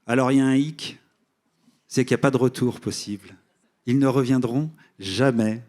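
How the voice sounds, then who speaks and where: A man moderating a literary interview, presenting a book and putting questions in hesitant, drawn-out phrases with many pauses. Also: medium pitch, fairly even intonation, darkish tone.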